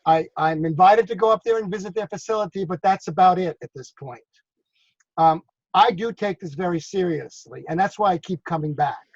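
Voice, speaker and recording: Over dull, lo-fi call audio, a New Yorker who consults for drone businesses discusses drone work casually, repeating words and asking others to agree. He speaks in a high voice, a little fast, and the recording is dry.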